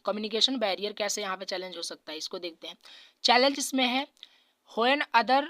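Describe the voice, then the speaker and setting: A woman giving an exam-focused lecture, repeating points and slowly reading out English terms. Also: mid-range voice, no echo, studio quality. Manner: frequent fillers and restarts, drops to a quieter voice at phrase ends.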